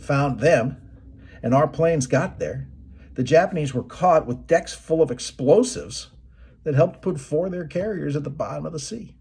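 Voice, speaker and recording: Lively folksy male presenter. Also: medium pitch, slightly rough. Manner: folksy storytelling, quoting movie lines. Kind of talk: motivational presentation.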